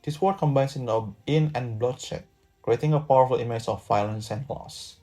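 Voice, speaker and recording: Student lecturer from Indonesia, young man, mellow tone, careful scripted delivery, soft music behind. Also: mid-range voice, normal speed. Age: young adult. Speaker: student presenter. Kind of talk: reading a prepared lesson script.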